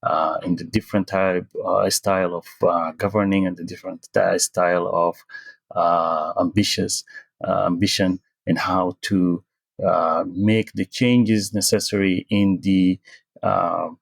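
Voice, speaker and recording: A middle-aged man, born in Sudan and raised in the US, answering interview questions slowly and hesitantly, with many pauses. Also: deep voice, steady tone, gravelly, no echo. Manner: hesitant, many fillers and restarts, slow pace. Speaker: interview guest, tech consultant.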